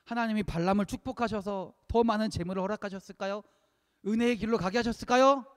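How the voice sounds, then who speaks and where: High-voiced man preaching in a reverberant church. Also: fast. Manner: emphatic, repeats key phrases, swings between loud peaks and hushed lines. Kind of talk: sermon. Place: church sanctuary. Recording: long reverb of a church hall.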